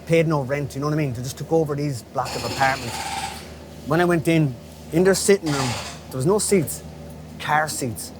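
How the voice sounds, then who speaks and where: A local window cleaner in his fifties with a west of Ireland Galway accent talks at normal speed in a fairly high voice. As an interviewee he reminisces in a chatty, colloquial style, regularly checking in with "you know," over noisy street sounds and traffic.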